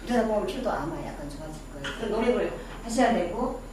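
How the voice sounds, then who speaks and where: She's a middle-aged image-making lecturer with a Daegu Gyeongsang accent, chatty and fond of quizzing the class, with self-deprecating asides. Her expressive mid-range voice moves fast. Recorded from afar in a very echoey lecture room with a small audience, the clip carries crowd and background noise.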